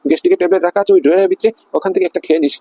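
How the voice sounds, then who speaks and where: Cartoon comedy: a man doing a rambling, coaxing husband, gravelly and dark, talking very fast, dull dry lo-fi sound. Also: sits high, fairly even intonation, dry recording. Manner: coaxing, rambling, full of fillers. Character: fussing, coaxing middle-aged cartoon husband.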